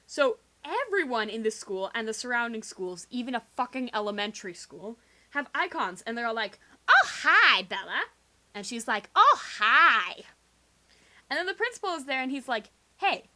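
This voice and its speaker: A young woman with a high voice gives a theatrical, sarcastic comic dramatic reading full of slang, acting out the quoted dialogue as a storyteller. She's recorded quietly on a homemade rig: a video game microphone fitted with an improvised pop filter.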